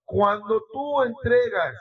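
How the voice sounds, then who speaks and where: A middle-aged Mexican man preaches in a church, swinging between loud bursts and soft, close asides. His voice sits high and a little husky. It is heard from a distance on a muffled recording. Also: lively intonation, slow. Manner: emotional, conversational preaching with sudden rises and drops in loudness. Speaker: lay preacher. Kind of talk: sermon.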